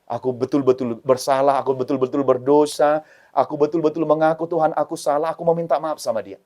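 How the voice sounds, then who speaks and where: A man's voice: fairly high pitch, steady tone, quick pace, darkish tone, close to an everyday voice. A man praying as a frightened repentant brother. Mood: pleading. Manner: pleading earnest prayer.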